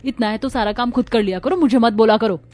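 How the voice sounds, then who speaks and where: Woman in a shrill cartoon quarrel. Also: fast, darkish tone, dry recording, studio quality. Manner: shrill bickering, raises her voice in quarrels. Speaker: voice actor for several women in an animated story. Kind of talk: dubbed cartoon dialogue.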